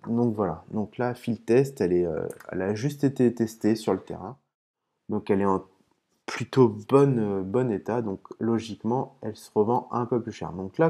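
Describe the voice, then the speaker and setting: A man hosting a casual gaming video, explaining terms patiently between hesitant pauses and muttered curses at his own mistakes. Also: fairly low pitch, mellow. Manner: hesitant, with frequent "euh" and restarts. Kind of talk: casual commentary while opening game cases.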